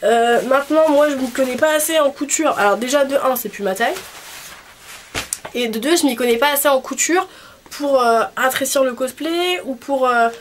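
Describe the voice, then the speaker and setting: A young female cosplay vlogger with a high voice chats casually at normal speed, rambling informally. A cold has blocked her nose, making her voice honking and nasal. The background is clearly noisy.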